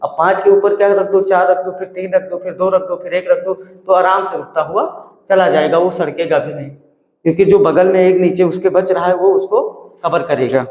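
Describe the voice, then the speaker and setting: A fairly high-voiced male maths teacher works through a problem step by step, asking questions and answering them himself. His voice bounces around a bare room with a long, ringing reverb. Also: fairly even intonation, normal speed, darkish tone. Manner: asks and answers his own questions, repeats numbers. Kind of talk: classroom maths lesson.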